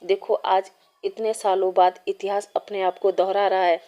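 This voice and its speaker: A woman's voice: medium pitch, little pitch movement, normal speed, dark tone, dull audio, close to an everyday voice. Woman reading as a menacing male villain.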